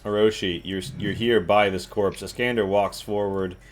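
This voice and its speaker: A man improvising descriptive, somewhat halting narration as the game master of a tabletop game. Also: fairly low pitch, fairly even intonation, noisy background.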